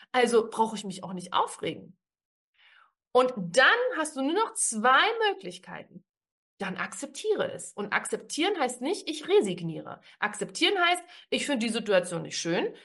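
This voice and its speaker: A woman's voice: high-pitched, a bit bright. A woman coach giving a motivational talk, stressing key phrases and repeating them, sometimes acting out what people say. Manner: emphatic, repeats key phrases, acts out example speech.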